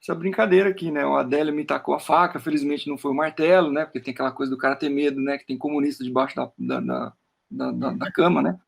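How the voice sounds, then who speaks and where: A man's voice: a little high, steady tone, quick pace, gravelly. A Brazilian man, a poet, talking casually in an interview and rambling, with frequent "né?" tags and stammered repeats. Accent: Brazilian Portuguese. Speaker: poet talking about his book. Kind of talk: casual interview chat while showing his work on screen.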